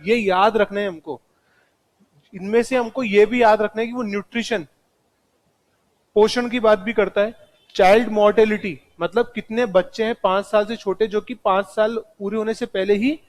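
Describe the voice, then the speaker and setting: A man teaching a live classroom lecture, speaking straight to his students and mixing in English terms. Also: high voice.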